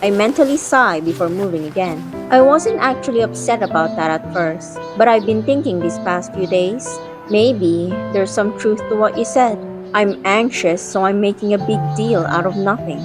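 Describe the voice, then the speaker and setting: A woman's voice: medium pitch, moderate pace, close to an everyday voice. Woman voicing guarded young woman, feisty, first-person audio drama, music behind. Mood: reflective. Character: guarded, feisty young woman, secretly attached to her companion. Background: background music.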